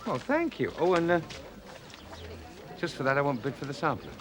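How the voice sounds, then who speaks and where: An actor playing a sly, cheeky antiques dealer in a TV drama, talking in a wry, teasing way. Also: male voice, fairly high pitch, sing-song, normal speed, crowd noise.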